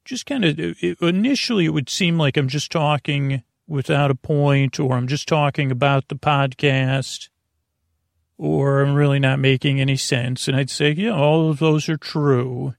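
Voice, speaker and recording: A creaky-voiced man with a fairly high pitch hosts a bedtime podcast, meandering and halting through a soothing monologue full of tangents and self-corrections meant to lull listeners to sleep. The recording is dry and of studio quality.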